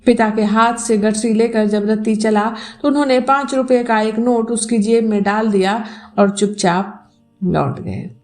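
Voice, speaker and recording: A woman narrating a Hindi novel episode in a slow, measured storytelling voice. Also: on the high side, a little mellow, soft background music. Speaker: audiobook narrator. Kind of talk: scripted narration.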